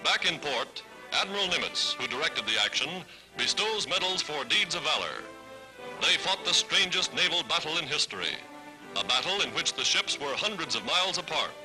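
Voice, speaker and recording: A man's voice: on the high side, very animated, moderate pace, music in the background, rough recording. Dramatic 1940s newsreel narrator, a man. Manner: dramatic, declamatory announcing.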